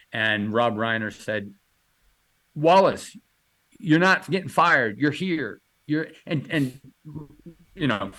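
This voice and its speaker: An illustrator appearing as a guest answers interview questions casually and enthusiastically in a medium-pitched, somewhat bright male voice. He rambles, with lots of fillers and restarts.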